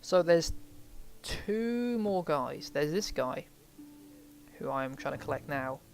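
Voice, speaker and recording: A man's voice: mid-range voice, steady tone, normal speed. A man giving casual let's play commentary, rambling and thinking aloud as he plays a game. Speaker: game streamer.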